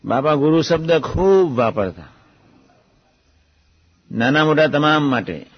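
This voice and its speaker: A man giving a measured, reflective devotional discourse about a guru's teachings. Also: on the high side, expressive, slightly rough. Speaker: religious speaker recounting a guru's teachings. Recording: muffled lo-fi recording.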